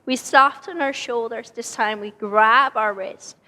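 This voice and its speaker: A woman with a hoarse, partly lost voice leading a Pilates class, calmly cueing each breath and movement. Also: on the high side, a little slow, big-room sound. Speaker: Pilates instructor. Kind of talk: guided exercise instruction. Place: exercise studio.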